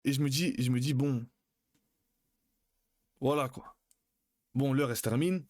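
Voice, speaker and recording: A young man telling a personal anecdote on a live stream in a casual, slangy, animated way, often calling his listeners brothers. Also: mid-range voice, measured pace.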